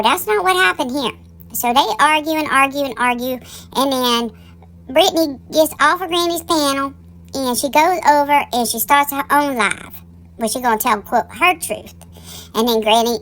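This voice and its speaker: A woman's voice: high-pitched, fairly bright tone. A woman giving casual gossip commentary in a sassy, campy, theatrical drag-queen style, folksy and colloquial. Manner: folksy, colloquial, addresses listeners as darlings. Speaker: online drama commentary host.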